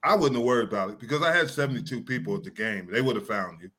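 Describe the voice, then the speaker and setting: A man's voice: medium pitch, expressive, racing, a crowd in the background. A man co-hosting a sports talk show in casual chat, joking and teasing. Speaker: co-host.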